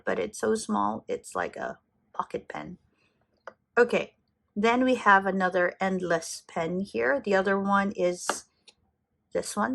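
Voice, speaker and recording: A middle-aged Filipina with a medium-pitched, slightly bright voice and some vocal fry chats enthusiastically while showing off her fountain pen collection. Speaking with a Filipino accent, she often corrects herself in this casual show-and-tell.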